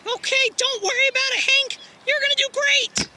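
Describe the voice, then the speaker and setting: A performer with a woman-sounding, squeaky voice voicing a small, timid but cheerful monkey puppet who hosts a children's show with kids party magician patter. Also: fairly even intonation, normal speed, noisy background. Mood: upbeat, coaxing.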